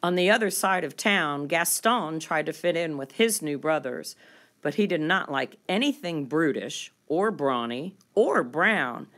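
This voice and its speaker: Speaking in a deep voice, a female storyteller reads a picture book aloud to children, stretching out important words with an expressive, deliberate delivery.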